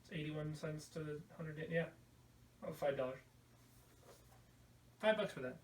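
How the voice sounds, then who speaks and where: Here a man with a slightly high voice talks at normal speed, rambling through a show-and-tell on his casual video podcast. His humor is crude and irreverent. It's recorded indoors at home on a distant mic, so it sounds roomy, with a little noise in the background.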